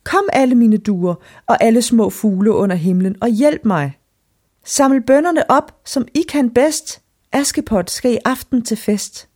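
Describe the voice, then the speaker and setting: A woman voicing a gentle, sad young girl who pleads softly in a lifted storybook voice. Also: fairly high pitch, lively intonation, voice pushed up. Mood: pleading.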